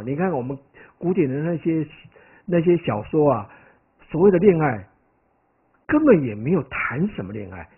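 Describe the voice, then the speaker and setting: Male monk-lecturer, conversational and digressive, expressive voice, lo-fi phone-quality audio. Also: on the high side. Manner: conversational, keeps asking "right?"; animated, digressive storytelling. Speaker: Buddhist monk teaching. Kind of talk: dharma lecture. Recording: tinny, phone-like lo-fi recording.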